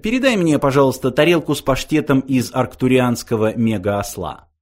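A man's voice: mid-range voice, expressive, normal speed, lightly acted. A man voicing a composed, self-assured young woman in a storybook reading. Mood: brisk.

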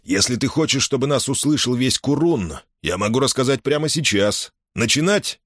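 A man voicing a gruff, sullen space pirate who grumbles his lines in an audiobook. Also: medium pitch, lively intonation, normal speed, fairly bright tone, no echo, clean studio sound, voice pushed up. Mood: grumbling.

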